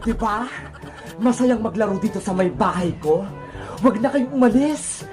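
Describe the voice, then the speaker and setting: A woman's voice: medium pitch, expressive, normal speed, a little mellow, faint music behind, voice pushed down, natural voice. Woman doing a cackling old witch. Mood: gloating. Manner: gloating, threatening.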